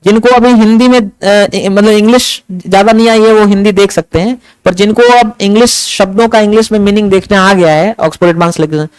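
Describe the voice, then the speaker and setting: High-voiced man teaching a class. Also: a little fast, few pauses, clear, resonant tone, no room sound, poor audio. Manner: animated, asks the class questions. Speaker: English teacher. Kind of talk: classroom lecture. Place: classroom with students.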